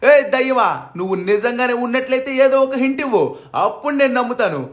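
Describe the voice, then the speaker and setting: Man doing a fast, brash young man. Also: extremely high pitch, fairly bright tone. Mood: blustering. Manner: scolding, blustering. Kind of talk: cartoon fan dub over gameplay.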